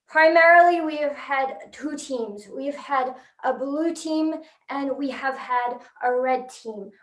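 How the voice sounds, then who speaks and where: A woman giving a rambling, deadpan comic sports report in an earnest storytelling way. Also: high voice, roomy sound.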